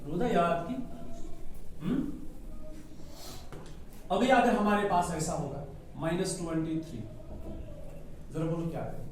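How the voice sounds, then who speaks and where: A male teacher with a fairly high voice lectures a class, walking through each step and pausing to quiz his students. He slips English phrases in among his sentences. The sound is echoey and distant, as if taken from the back of a classroom, with faint noise behind. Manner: explains step by step, asks the class questions and has them answer. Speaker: maths teacher.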